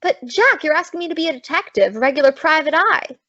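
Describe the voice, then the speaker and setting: High-voiced wisecracking Maisie, played by a woman. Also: expressive, fast, bright, forceful tone, no echo. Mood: skeptical, wry. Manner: sassy, slangy delivery. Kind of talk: old-time radio comedy acting. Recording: dull lo-fi close dry recording.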